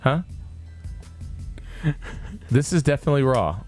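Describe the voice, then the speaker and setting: Playful male talk-show host, lively pitch. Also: a little slow, faint music behind. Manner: playful, joking banter. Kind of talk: casual chat.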